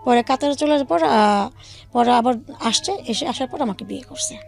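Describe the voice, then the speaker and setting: A woman with a slightly high, slightly mellow voice and some vocal fry talks briskly with lively intonation over soft background music. As a radio guest, she recounts her life story in detail, quoting past conversations as dialogue she acts out herself.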